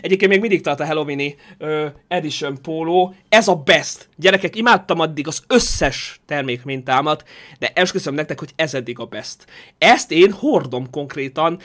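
Male streamer with a high voice, animated and jokey, reads the chat aloud. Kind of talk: casual live-stream chat.

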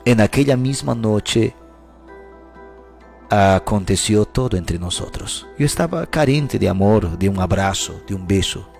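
Gravelly man narrating a dramatic story. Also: fairly low pitch, a little mellow. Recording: music playing under the voice.

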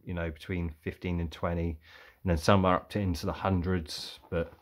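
A man's voice: low voice, little pitch movement, moderate pace. A young man chatting casually about his bargain finds, rambling and thinking aloud. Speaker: vlogger reviewing car boot sale finds. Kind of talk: casual show-and-tell.

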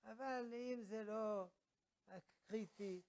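Male rabbi, humorous lesson, high voice, acts out scenes. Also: fairly even intonation, darkish tone, poor audio. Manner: acts out little scenes, conversational.

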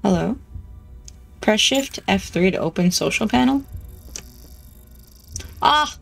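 With faint music behind her, a woman streamer mutters chatty, wry commentary to herself as she plays. She has a medium-pitched, expressive voice with vocal fry and a slow pace, captured in a rough recording.

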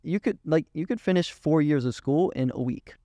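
A young man in his twenties, a guest in a casual interview, telling animated stories and acting out what others said. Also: fairly high pitch, normal speed, no echo, clean studio sound. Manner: animated, swearing, quoting others in dialogue. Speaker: guest, agency owner.

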